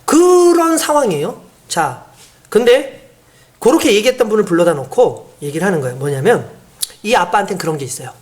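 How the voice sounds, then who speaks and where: A male pastor preaching a sermon who often puts questions to the congregation. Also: high-pitched. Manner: animated, asks the congregation questions.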